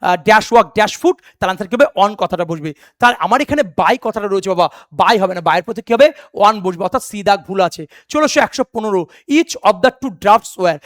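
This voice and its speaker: A man's voice: high voice, animated, a little fast, a bit bright, no echo, studio quality. A man teaching an exam-prep English lesson who drills rules by repetition, calls students "baba" and "beta", and breaks into fervent motivational pep talk. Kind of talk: online exam coaching lesson.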